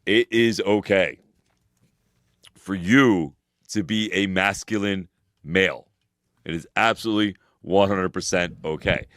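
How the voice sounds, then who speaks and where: A man in his forties speaks in a deep, low voice, sounding dry and close to the mic. He talks emphatically and preaches to his listeners in a casual podcast chat, swearing freely. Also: measured pace, long pauses, a bit bright, dry recording. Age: 40s. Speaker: podcast co-host.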